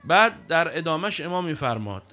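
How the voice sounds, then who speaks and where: Scripture recitations punctuate the explanations of a middle-aged man preaching in an emphatic, animated style. His voice sits on the high side.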